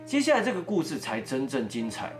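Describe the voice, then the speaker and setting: Animated man telling a ghost story. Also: mid-range voice, a little fast, faint music behind. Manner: animated, acts out every quoted voice. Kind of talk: first-person ghost story narration.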